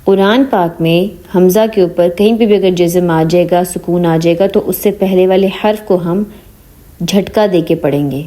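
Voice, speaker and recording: A woman's voice: fairly low pitch, warm tone. A woman teaching Quran reading in an online lesson, mixing English words into her Urdu and checking after each point whether the learner has understood.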